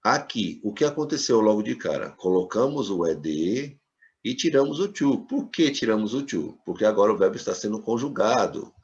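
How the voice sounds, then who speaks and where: A man teaching an English lesson to Brazilian students, explaining patiently and repeating words slowly for them. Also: fairly low pitch, expressive. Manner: patient, repetitive explaining, checks in with "tá certo?". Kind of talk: recorded classroom lesson. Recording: dull lo-fi sound.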